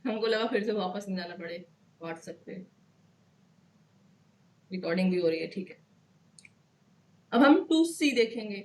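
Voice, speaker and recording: A woman's voice: medium pitch, expressive, unhurried, pauses often, darkish tone, a little hiss or hum. A woman teaching law to students, explaining step by step and checking in often with "okay" while repeating key terms.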